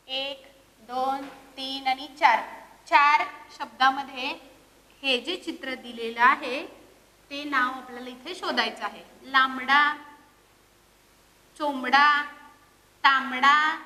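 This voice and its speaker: High-pitched woman, slow, primary school teacher, sing-song questions, long echoing reverb. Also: sharp tone. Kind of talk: classroom lesson for young children.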